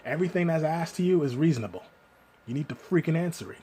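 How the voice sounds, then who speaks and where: A man's voice: a little high, expressive, fast, crowd noise. A man giving ranting reaction commentary, scolding and exasperated.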